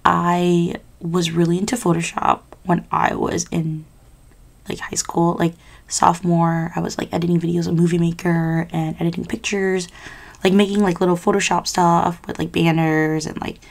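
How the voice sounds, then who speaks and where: Young woman chatting casually, slightly low, creaky voice. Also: flat delivery, normal speed. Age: young adult. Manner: informal, rambling, confiding. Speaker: vlogger. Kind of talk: casual chat, personal advice to camera.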